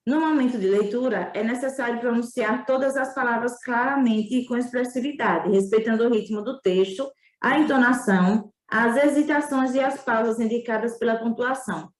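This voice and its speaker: A woman's voice: a little high, normal speed, hardly any pauses, roomy sound. A woman schoolteacher with a Northeastern Brazilian accent, giving an affectionate remote lesson and checking in often with her pupils.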